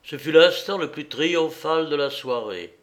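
A man reading a literary story aloud in a slow, measured, expressive way. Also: fairly high pitch. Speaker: audiobook reader. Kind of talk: literary narration.

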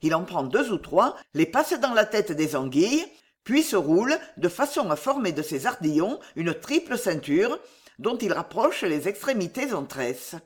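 A storyteller reading a medieval fox fable aloud in a steady, expressive way. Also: mid-range voice, moderate pace.

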